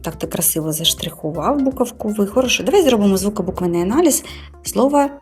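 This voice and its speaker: Woman tutor, animated and patient, coaxes a young pupil through syllables, music bed behind. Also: medium pitch, fast talker. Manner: patient, coaxing, drawing out sounds. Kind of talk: live reading lesson with a child.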